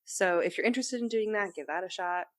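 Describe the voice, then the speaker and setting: A young woman co-hosting a chatty podcast, her talk rambling and loose, full of fillers and quick giggles. Her voice sits at an ordinary middle pitch. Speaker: podcast co-host. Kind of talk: casual chat.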